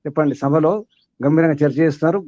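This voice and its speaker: A man's voice: a little high, flat delivery, very fast, mellow, no echo, dull audio. A man acting as spiritual teacher, giving a sermon to a small group, questioning his listeners and reeling off long lists.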